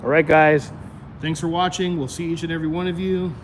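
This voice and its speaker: A man's voice: fairly high pitch, flat delivery, brisk. Rambling man livestreaming from a noisy street. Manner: rambling, chatty, addresses viewers directly. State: voice going out. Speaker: livestream host. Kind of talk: casual livestream chat.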